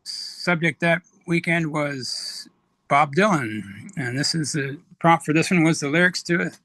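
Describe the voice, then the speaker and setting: Bright-voiced man reciting poetry. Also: fairly high pitch, no echo. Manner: rhythmic, slows on refrains. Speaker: poet reading at an open mic. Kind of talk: spoken-word poetry reading.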